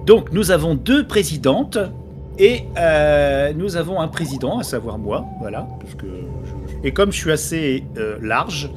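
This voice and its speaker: A man's voice: fairly high pitch, big pitch swings, unhurried, over music. A man hosting a live podcast event over a voice call, jokey and self-mocking. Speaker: podcast host and jury president. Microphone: voice call over Discord.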